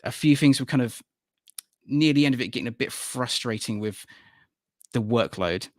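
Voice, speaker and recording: A man's voice: medium pitch, moderate pace, darkish tone, no room sound, clean studio sound. A man in his late thirties, a guest on a casual panel podcast, telling stories in a rambling way and laughing easily. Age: late 30s. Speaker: podcast guest, animator and musician.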